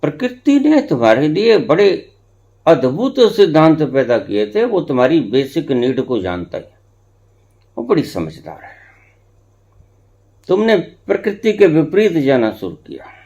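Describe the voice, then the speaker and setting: A man who is a spiritual teacher, giving a discourse to followers, swinging between hushed and emphatic and repeating phrases for effect. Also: a little high, big pitch swings, unhurried, long pauses, dull audio.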